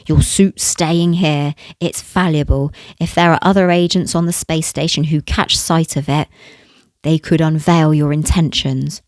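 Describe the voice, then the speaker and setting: A woman's voice: sits low, fairly even intonation, unhurried, darkish tone, no echo. Woman reading as a curt hulking major. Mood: stern. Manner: curt and dismissive. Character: huge gruff military major, commanding.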